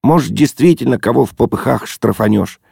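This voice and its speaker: A man's voice: medium pitch, expressive, fairly quick, gravelly, warm tone, husky, no room sound, clean studio sound, voice pushed up, heavily acted. A man voicing a stern but timid young traffic militiaman who mumbles cautiously and deferentially.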